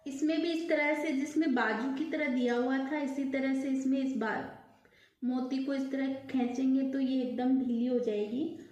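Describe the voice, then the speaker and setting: Woman, high voice, slow step-by-step demonstration vlog, echoey indoor room. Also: steady tone, darkish tone. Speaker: vlogger.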